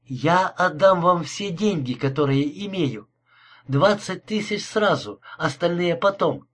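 A terrified young woman falters over her words, as a male reader voices her. The voice is pushed up high and stays husky. It is an audiobook thriller. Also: animated, slow, full character voice. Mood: frightened. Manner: frightened, faltering.

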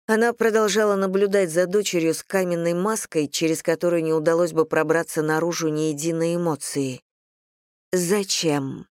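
A narrator reading a dramatic novel aloud in an even, measured way. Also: medium pitch, clear, resonant tone, no room sound, studio quality. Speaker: audiobook narrator. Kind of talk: scripted audiobook narration.

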